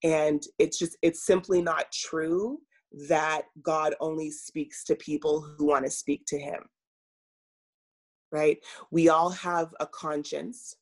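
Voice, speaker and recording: A woman coach speaking as an interview guest, measured and earnest, pausing often with fillers. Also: low voice, fairly even intonation. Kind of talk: reflective interview talk.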